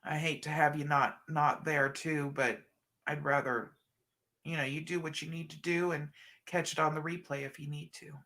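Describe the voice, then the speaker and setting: A middle-aged woman, congested and a bit scratchy from allergies, hosts a casual livestream and reads comments while fondly calling viewers hun and honey. She has a low, steady voice, a moderate pace and a fairly bright tone.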